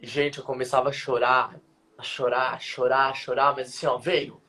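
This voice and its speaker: A young male dance teacher, speaking at medium pitch and a moderate pace, shares a personal story on a casual live stream over video call. He's animated, acting out the dialogue and quoting it vividly.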